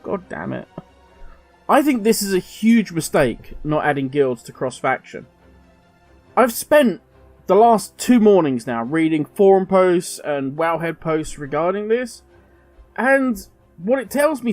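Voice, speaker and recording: Addressing the audience head-on, a man with a high voice hosts a gaming video, the recording free of room sound. He delivers emphatic, opinion-heavy remarks in a ranting style.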